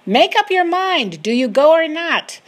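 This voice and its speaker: A woman reading out the lines of harsh male soldiers, yelling insistent demands. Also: mid-range voice, moderate pace, lightly acted. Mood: demanding.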